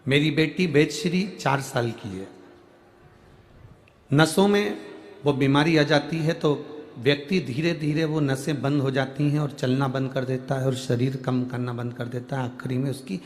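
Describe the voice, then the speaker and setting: A man's voice: medium pitch, a little slow. A man preaching a devotional sermon to a large crowd, reading out a letter and speaking with emotion, his voice swelling on key words. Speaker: kathavachak preacher. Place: large crowded outdoor religious gathering.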